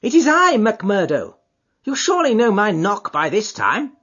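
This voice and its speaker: A man voicing a nervous, fussy middle-aged gentleman who pleads in a high-strung way in an audiobook. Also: wildly swooping pitch, unhurried, slightly rough, full character voice. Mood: fretful. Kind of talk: audiobook character voice. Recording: dull lo-fi audiobook recording.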